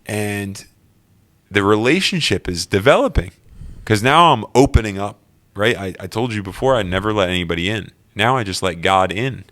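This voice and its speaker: A man telling his own personal story in an earnest, animated way during an interview. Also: on the low side, normal speed. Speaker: guest.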